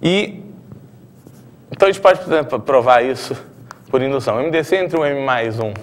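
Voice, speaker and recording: A man's voice: medium pitch, animated, normal speed, slight background noise. A middle-aged man with a Brazilian Portuguese accent, a math professor working through a proof and checking in with tag questions. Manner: explanatory, frequent tag questions, thinking aloud at the board. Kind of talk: blackboard math lecture.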